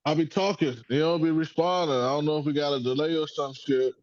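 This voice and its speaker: A man's voice: a little high, fairly even intonation, fairly quick, a little mellow, dull audio, slight background noise. A man hosting a casual sports podcast, rambling and profane, joking with his son over a call. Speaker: podcast host.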